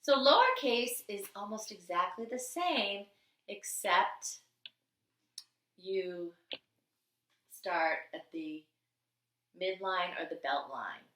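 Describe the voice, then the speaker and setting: In an echoey room, far from the microphone, a woman primary school teacher gives little children a patient handwriting lesson. She speaks slowly with long pauses, her mid-range voice animated and a bit bright, repeating simple phrases and questions in a sing-song manner.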